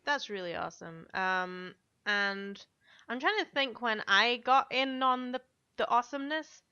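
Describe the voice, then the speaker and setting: A woman hosting a podcast chats in a bubbly, giggly way while playing a video game. Her slightly high voice sounds pushed and bright at a measured pace, in a dry recording with the highs cut off.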